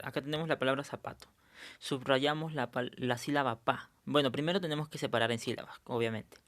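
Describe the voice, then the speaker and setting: A man's voice: medium pitch, fairly bright tone. A male teacher going over a review lesson, explaining step by step and often checking in with his students.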